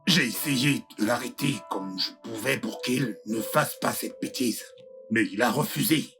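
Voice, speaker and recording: A man's voice: mid-range voice, a little slow, gravelly, music in the background. A pleading, contrite father. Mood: apologetic. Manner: pleading, apologetic. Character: contrite middle-aged father begging forgiveness. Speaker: father apologizing for his son. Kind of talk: dubbed film acting.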